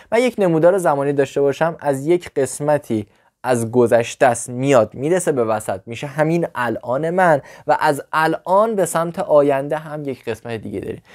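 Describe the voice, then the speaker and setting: A man whose first language is Persian, an English teacher giving a casual spoken lesson to camera, animated and blunt, talking straight to the viewer. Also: mid-range voice.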